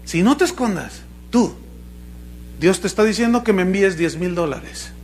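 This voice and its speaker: Brief: high, wheedling money-hungry TV preacher, mocked by a pastor. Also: male voice, lively intonation, normal speed, a little hiss or hum. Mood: wheedling pushy. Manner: wheedling, singling out listeners. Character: greedy pushy male TV preacher begging money.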